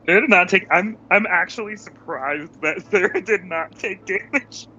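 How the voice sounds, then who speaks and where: A man's voice: high voice, normal speed, pushed and bright. Chatty man with a lighter voice. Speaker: player. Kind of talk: tabletop game play, narrating his character. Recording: dull lo-fi stream audio, faint hum.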